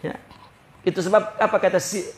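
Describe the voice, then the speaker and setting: A man teaching religion in a relaxed, conversational style and often checking that his listeners follow. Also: high voice, brisk, reverberant. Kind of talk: kitab study lecture. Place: prayer hall.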